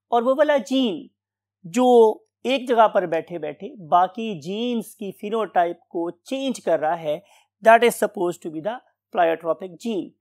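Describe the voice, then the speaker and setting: A man with a Pakistani accent teaching biology, mixing Urdu and English and dictating definitions slowly while repeating key words. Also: sits high, a little mellow. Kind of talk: recorded classroom lecture. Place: room with a whiteboard.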